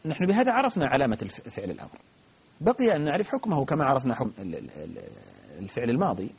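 A man gives a grammar lesson in a rough, husky voice. He talks quickly and patiently, working through each point with frequent restarts and hesitations. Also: mid-range voice, big pitch swings. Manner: patient, explains step by step with many restarts and fillers. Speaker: Arabic grammar teacher. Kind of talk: live grammar lesson with questions.

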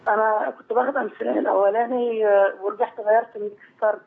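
A woman's voice: fairly high pitch, steady tone, rapid-fire, vocal fry. A woman in her forties with an Egyptian accent, calling in by phone, rambling and repeating herself with worry. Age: 40s. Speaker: caller. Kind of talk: call-in phone conversation. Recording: tinny phone line.

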